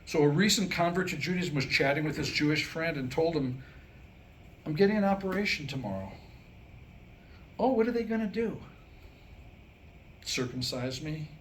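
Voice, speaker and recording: A man in his sixties gives a staged reading of jokes and comic monologue, wryly acting out the dialogue. His voice sits a little high and sounds animated, moving at a moderate pace with frequent pauses. It was captured live in a room with background noise.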